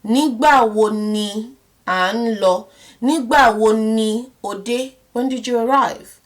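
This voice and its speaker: Woman, language teacher, somewhat high voice, step-by-step explanations, slow repeated examples, frequent check-ins. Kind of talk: online language lesson.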